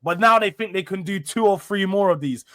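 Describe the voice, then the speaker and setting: A man's voice: sits high, fairly quick, pushed and bright. A man hosting a casual football discussion, probing and rephrasing his questions as he goes. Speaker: host.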